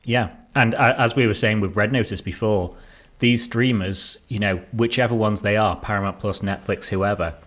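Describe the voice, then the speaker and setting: A man's voice: lowish voice, steady tone, moderate pace, a bit bright. A man co-hosting a podcast, talking casually in a rambling, hesitant way with many ums. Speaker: podcast co-host. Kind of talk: casual chat.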